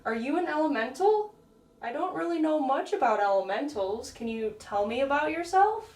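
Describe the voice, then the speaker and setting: A young American woman on a ghost hunt, nervous and slangy, talking softly to spirits in a dark old prison. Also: high voice, lively intonation, normal speed, echoey room, recorded from a distance. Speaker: paranormal investigator. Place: dark echoing old prison cell block.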